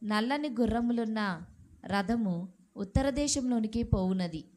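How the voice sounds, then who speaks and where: A woman reads scripture aloud in a fairly high voice, slowly and evenly. She sits far from the microphone, so she sounds quiet and distant. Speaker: scripture reader. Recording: from far off the mic.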